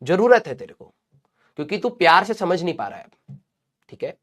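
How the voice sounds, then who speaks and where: A male teacher who is unwell and talks slowly, lecturing and scolding his students in a live class with a Hindi accent. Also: high-pitched, big pitch swings, fairly bright tone. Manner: scolding and advising students, addresses them as beta.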